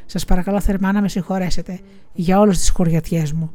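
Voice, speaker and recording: A woman's voice: lowish voice, fairly even intonation, mellow, lightly acted. A woman voicing a remorseful man pleading for forgiveness in an audiobook.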